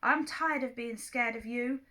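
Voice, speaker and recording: A woman's voice: on the high side, measured pace, bright, forceful tone, rough recording. A woman voicing a tough teenage girl who has just faced her fear, in a read-aloud story. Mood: defiant. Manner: faltering, then defiant. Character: scared teenage girl finding her courage.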